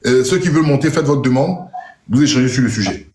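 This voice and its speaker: A man from Côte d'Ivoire with an Ivorian accent, hosting a live audio panel in a relaxed, chatty way. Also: mid-range voice, quick pace, echoey room, slight background noise. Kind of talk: casual live chat.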